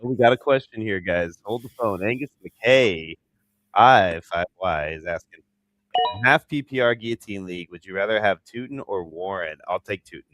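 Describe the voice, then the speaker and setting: A man co-hosting a live fantasy football draft chat, excitable and slangy, laughing easily. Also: lowish voice, moderate pace, no room sound. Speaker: fantasy football podcast co-host.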